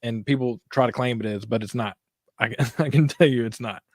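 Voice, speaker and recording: A man from Kentucky, a guest co-host, talking politics in an animated, casual way with lots of fillers. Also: mid-range voice, a little fast, dry recording, studio quality. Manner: animated, conversational, frequent fillers.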